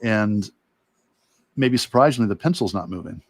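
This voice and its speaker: An animated man with a voice on the low side talks at normal speed, with no room sound. He is illustrating while giving casual instruction, thinking aloud in loose, broken asides.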